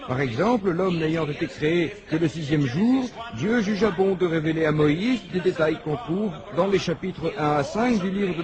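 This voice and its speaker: High-pitched man, formal scripted narration. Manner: formal, declarative, enumerating.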